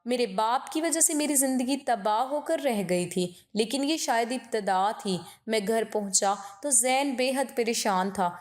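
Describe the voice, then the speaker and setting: A woman's voice: fairly high pitch, few pauses. A woman telling an emotional first-person story in an earnest, scripted reading.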